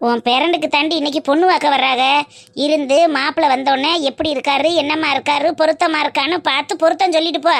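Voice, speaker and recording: A woman's voice: high voice, steady tone, fast, vocal fry. A woman voicing a bossy old village grandmother who scolds and gives orders in a cartoon. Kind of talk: cartoon voice acting.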